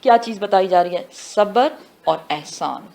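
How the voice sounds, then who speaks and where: A woman giving a tafsir lesson who asks her students questions and answers them herself, mixing in English phrases and slowing down for the Arabic words. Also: medium pitch, vocal fry, darkish tone. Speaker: Quran teacher. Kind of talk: tafsir class lecture.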